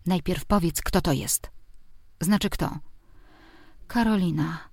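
A woman's voice: lowish voice, slow pace, vocal fry, a little mellow, no room sound, clean studio sound, exaggerated voice. A woman doing a bossy, meddling mother. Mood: fussing. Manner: scolding, insistent, fussing.

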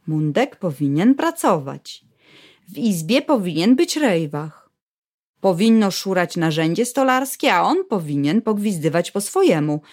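A woman reading a novel aloud in a steady, measured storytelling voice. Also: medium pitch. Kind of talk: audiobook narration.

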